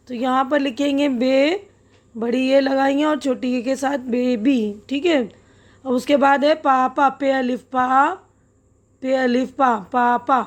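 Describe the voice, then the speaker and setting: High-voiced woman teaching slowly. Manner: patient, spells words out slowly letter by letter; checks in often with the listener. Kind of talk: step-by-step classroom lesson.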